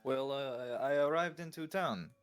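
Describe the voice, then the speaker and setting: A man's voice: medium pitch, expressive, moderate pace, faint music behind, natural voice. A man playing a wealthy newly arrived businessman in a tabletop game, trying on an accent and hesitating. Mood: probing. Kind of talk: tabletop role-play.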